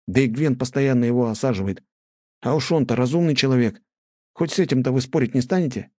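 A hot-headed youth from a storybook reading, voiced by a man with a husky, dark-toned voice raised above his narration. He speaks with heated defiance and pride. The sound is dry and close. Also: mid-range voice, fast talker, no room sound, pitched above the performer's own voice, lightly acted. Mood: earnest.

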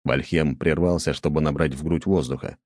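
A man reading an audiobook in a very deep, dark voice with a steady, measured delivery. The recording is close and completely dry. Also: dry recording. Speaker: narrator. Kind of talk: audiobook narration.

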